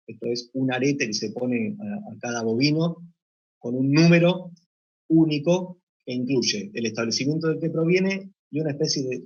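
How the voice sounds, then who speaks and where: A man giving a measured technical conference presentation, explaining point by point with occasional hesitations. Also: medium pitch, fairly bright tone, breathy edge. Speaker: meat plant deputy manager presenting. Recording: dull lo-fi recording.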